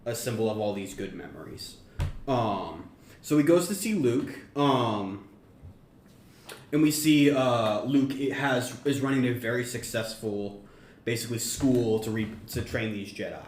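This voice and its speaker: A man co-hosting a podcast, pitching a story idea in a meandering, self-correcting casual chat. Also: expressive, unhurried, a little mellow. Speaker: podcast co-host. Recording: roomy echo, faint background noise.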